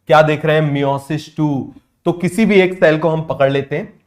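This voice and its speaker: A man's voice: on the high side, steady tone, normal speed. Man drilling students with repeated questions. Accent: Indian English terms within Hindi speech. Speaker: biology teacher. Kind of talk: exam-prep lecture.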